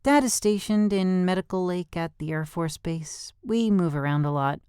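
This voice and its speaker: An audiobook narrator voicing a lively, blunt teenage girl who exclaims and teases. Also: mid-range voice, normal speed, clear, resonant tone, no echo, studio quality, voice pushed up, close to an everyday voice. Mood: guarded. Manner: bubbly, exclaiming.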